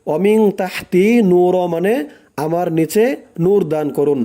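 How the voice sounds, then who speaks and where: In a warm, high voice at a moderate pace, a man runs a recitation lesson. He divides words into syllables, lengthens the recited phrases, and asks his listeners to repeat them.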